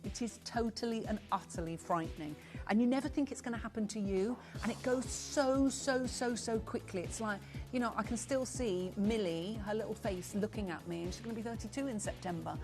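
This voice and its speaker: A woman's voice: medium pitch, music in the background. A woman in her sixties presenting on a live shopping channel, chatty and urgent as she rattles off buyers' names. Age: 60s. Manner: chatty, rapid roll-call of buyers, upbeat urgency. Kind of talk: live TV sales pitch.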